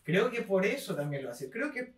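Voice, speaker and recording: A man's voice: high voice, big pitch swings, normal speed. A young man with a Chilean accent, co-hosting a casual literary podcast and tagging his points with checks like "¿cachai?". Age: young adult. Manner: frequent "¿cachai?" and "¿me entiendes?" tags. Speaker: podcast co-host. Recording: roomy echo, mic at a distance.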